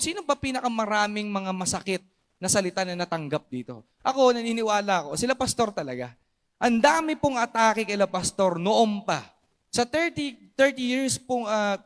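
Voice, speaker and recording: A young Filipino man preaching a lively sermon as pastor in a church service, mixing in English phrases and calling out to the congregation. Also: high voice. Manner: animated, mixes English phrases, asks the congregation "di ba?" and "Amen?".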